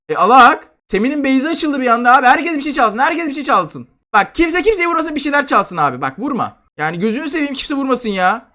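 Guy yelling over a game, fast and bright, super excitable. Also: extremely high pitch. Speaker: gaming YouTuber. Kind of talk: excited gameplay commentary.

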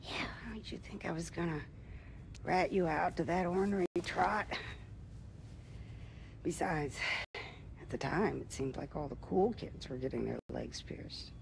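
Creaky, kindly older woman. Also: fairly low pitch, measured pace, pauses often, slight background noise. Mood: wry, teasing. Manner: folksy, teasing, reassuring. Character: bedridden older woman, kindly, wry and stubborn elder. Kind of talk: video game cutscene acting.

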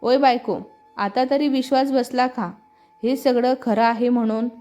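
A playful, teasing young man in love, as a woman narrator reads him, fairly high in pitch. Quiet music runs under a slightly dull sound. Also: fairly even intonation, measured pace, lightly acted. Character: young groom, playful and romantic. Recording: slightly muffled with soft music.

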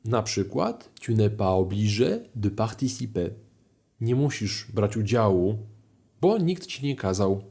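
A man teaching French grammar in a video lesson, explaining clearly with lively rises in his voice. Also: lowish voice. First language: Polish. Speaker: language teacher.

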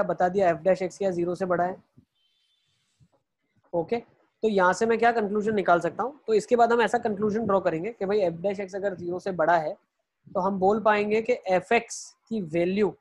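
Husky guy teaching a math class online, walks through it step by step, keeps asking "right?". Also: high-pitched, darkish tone. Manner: explains step by step, asking and answering rhetorical questions; mixes in English phrases while teaching.

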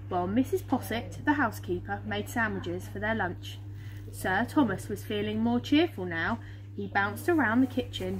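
Recorded roughly on a phone or camera set a short distance away, an English-accented woman in her thirties with a medium-pitched voice reads a picture book aloud to schoolchildren. The outdoor setting is a small fenced garden, and a hum runs in the background.

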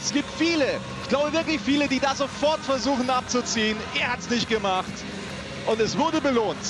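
Male football commentator over loud match noise. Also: very high-pitched. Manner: excitable, exclamatory praise of play.

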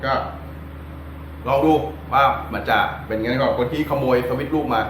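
The host of this DIY guitar electronics tutorial is a man, an adult with a child, speaking in a mid-range, fairly bright voice at a moderate pace. His demonstration is informal, easygoing, and unscripted, captured in a rough recording with slight background noise.

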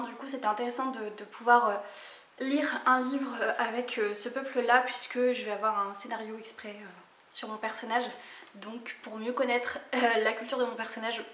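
A woman's voice: a little high, pushed and bright, roomy sound, slight background noise. A woman in her twenties chatting casually about her books as a vlogger, hesitant with many fillers and laughing at herself. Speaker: book vlogger. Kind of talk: casual book haul chat.

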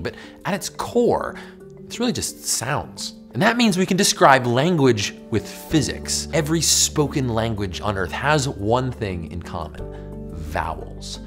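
An American man in his forties presenting a scripted but conversational educational explainer in an emphatic, animated way. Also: medium pitch, unhurried, soft background music. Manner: animated, emphatic, demonstrating mouth sounds. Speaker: host of an educational science show. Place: small furnished indoor studio with bookshelf.

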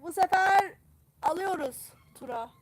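A young woman streaming live gameplay, reacting excitably and repeating phrases over and over. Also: extremely high pitch, measured pace.

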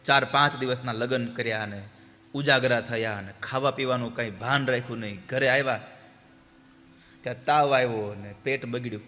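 A male preacher telling a devotional story in animated, exhorting sermon style. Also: medium pitch, normal speed. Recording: hall reverb with faint music.

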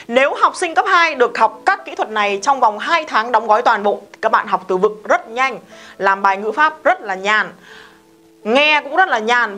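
A woman's voice: mid-range voice, a bit bright. A woman, teaching an English lesson in a casual, emphatic way and often asking her students questions. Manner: chatty, emphatic, talks straight to students with questions.

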